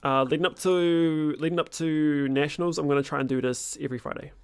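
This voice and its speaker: A man, chatting informally and haltingly about games as a streamer, swearing casually. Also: on the high side, fairly even intonation, clean tone, no echo. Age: 20s. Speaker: streamer and host of a gaming series. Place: small room at home. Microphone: close desk microphone.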